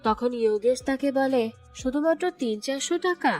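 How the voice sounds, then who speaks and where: A woman narrating a movie plot as a steady, scripted storytelling recap. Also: sits high, moderate pace. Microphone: voice-over. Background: soft background music.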